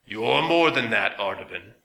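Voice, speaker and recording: A man voicing a small talking sweeper machine that speaks in a grinding, metallic voice with slow, grave warnings. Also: lowish voice, lively intonation, creaky, bright, forceful tone, roomy sound, heavily acted. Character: strange talking machine sweeper, solemn and ominous.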